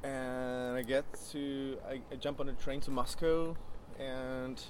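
A man speaks English with a Czech accent in a casual interview. His voice sits at an average pitch and he talks haltingly, rambling and searching for words. Clear vehicle and city noise runs behind him. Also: little pitch movement. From Czech Republic. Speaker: interviewee, photographer. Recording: noisy outdoor urban traffic background.

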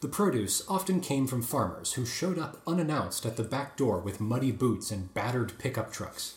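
A man hosting a podcast, reading an article aloud in a casual chat with lively asides. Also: mid-range voice, normal speed. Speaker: podcast host. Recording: roomy echoey room.

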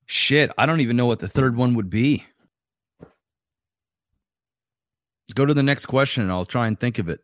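A man in his thirties co-hosting a casual podcast, talking in a laid-back, drawn-out way with plenty of swearing. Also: mid-range voice, dry recording, studio quality. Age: 30s. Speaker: podcast co-host. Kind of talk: casual chat.

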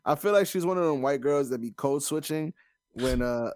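A man hosts a casual podcast in a slightly raised pitch. His talk is slangy and full of opinion. The sound is close and dry, with hardly any room in it. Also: normal speed, a little mellow, no echo. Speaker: podcast host.

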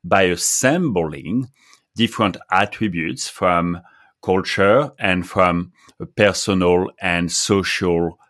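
Deep-voiced man with a French accent. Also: slow pace, a bit bright. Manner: earnest, explanatory. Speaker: author and guest. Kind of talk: podcast interview.

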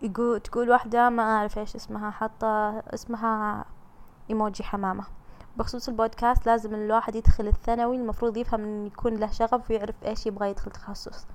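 A woman's voice: a little high, flat delivery, racing. A young Saudi woman with a Gulf accent, hosting a casual solo podcast and chatting in a teasing, comforting way. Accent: Saudi Gulf Arabic. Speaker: podcast host reading listener messages.

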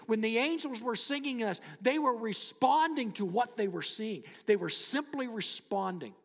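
Male preacher, high voice, wildly swinging pitch, long reverb of a church hall, dramatic pauses, hushed emphasis. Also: expressive. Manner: dramatic preaching, slows and drops to near-whisper for emphasis. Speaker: pastor. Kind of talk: sermon.

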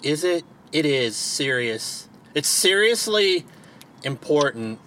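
His voice sits on the high side, with big swings in pitch, a slow pace and a somewhat bright tone, plus a little hiss or hum. The Baltimore-accented host from Maryland jokes and swears freely in casual podcast chat, recorded in a parked car on a home podcast mic.

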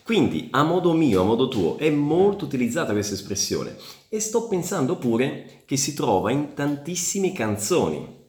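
A man teaching Italian in a casual online lesson, chatty and often checking in with quick tag questions. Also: medium pitch, very animated, darkish tone, roomy sound. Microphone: camera.

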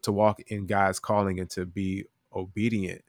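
A man talking earnestly about end times in a casual Bible chat, halting with many restarts. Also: low-pitched, level tone, no room sound, studio quality.

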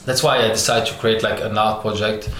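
A French-speaking man from Algeria who grew up in France answers interview questions as an artist guest, haltingly, with many pauses and restarts as he hunts for English words. His lowish voice is a bit bright with fairly even intonation, and the room is echoey with faint noise.

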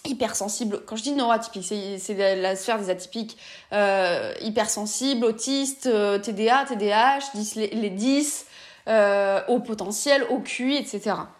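A woman's voice: medium pitch, normal speed. A woman from France giving an earnest, impassioned monologue straight to her viewers. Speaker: vlogger speaking about neurodiversity. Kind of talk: reflective monologue to camera.

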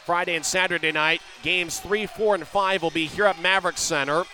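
A man doing rapid live hockey play-by-play as the announcer, in clipped running phrases that can swell into drawn-out shouted goal calls. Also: high voice, fairly even intonation, a little hiss or hum. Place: live at an ice hockey arena.

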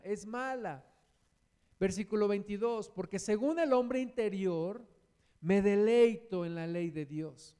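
A man with a Mexican accent preaching a sermon, slowing down to stress each quoted verse and asking rhetorical questions. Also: high-pitched, dark tone, clean tone. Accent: Mexican Spanish.

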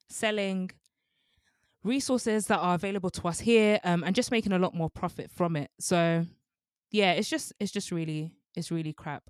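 A woman's voice: fairly low pitch, clean tone, no echo, studio quality. A young woman, co-hosting a casual book discussion podcast, chatty with many fillers and frequent laughs. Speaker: book club podcast co-host.

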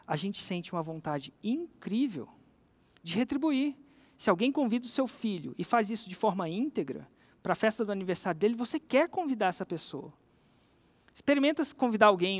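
A speaker with a Brazilian accent telling a story casually to teach a lesson about persuasion. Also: medium pitch. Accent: Brazilian Portuguese.

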